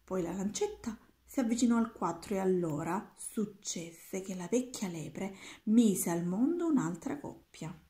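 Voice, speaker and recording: A woman reads a children's book aloud, steady and gentle. Her voice is mellow and warm. The roomy space adds a clear echo to the recording. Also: mid-range voice, a little slow, few pauses. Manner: steady, gentle storybook reading. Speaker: reader. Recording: roomy echoing room.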